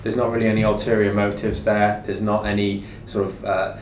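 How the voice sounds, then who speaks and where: A man's voice: lowish voice, flat delivery, brisk. A man co-hosting a casual conversation, explaining his views in a conversational way. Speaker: co-host, business owner. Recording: echoey room, distant mic, background noise.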